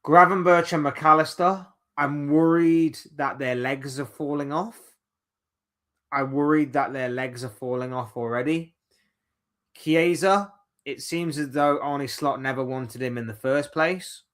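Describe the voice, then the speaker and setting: A man's voice: a little high, steady tone, unhurried, fairly bright tone. A man hosting a casual solo football chat, rambling and opinionated, reeling off players one by one. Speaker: football channel host.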